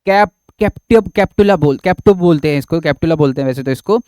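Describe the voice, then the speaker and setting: A man's voice: a little high, fast talker, a little mellow, clear, resonant tone, no room sound. A man teaching a biology lecture at a board, who repeats his own questions, answers them, and keeps reassuring his students.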